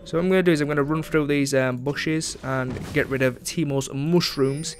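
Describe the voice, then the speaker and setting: A man's voice: fairly high pitch, steady tone, moderate pace, a little hiss or hum. A young man giving casual, chatty commentary over his own gameplay, sarcastic about his teammates and dropping frequent ums.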